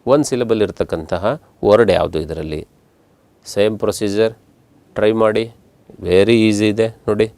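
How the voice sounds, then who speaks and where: A man with a Kannada accent teaching English grammar, his voice fairly low and his pace very slow and deliberate. He repeats each word and counts syllables aloud, switching between Kannada and English terms, recorded dry and close with no room sound. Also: darkish tone, no room sound. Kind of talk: classroom lesson explaining syllables.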